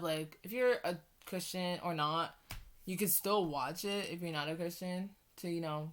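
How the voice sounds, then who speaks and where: A woman's voice: lowish voice, fairly bright tone. A woman vlogger casually recommending movies, rambling and hurrying with many restarts. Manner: hurried talking.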